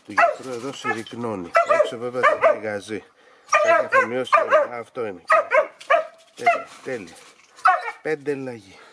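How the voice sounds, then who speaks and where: Hunting dog trainer, male, medium pitch with a lively, swinging delivery, talking over loud outdoor noise and barking dogs. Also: gravelly. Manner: instructive, emphatic, lively explanations. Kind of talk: explaining to camera while working dogs.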